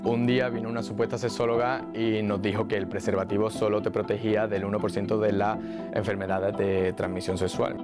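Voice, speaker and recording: A man in his twenties from Spain with a Spanish accent, speaking matter-of-factly in a studio interview. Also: lowish voice. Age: 20s. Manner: quick, flat, matter-of-fact. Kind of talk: to-camera interview. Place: studio with blue backdrop. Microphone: lapel. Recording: loud guitar music under the voice. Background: guitar music.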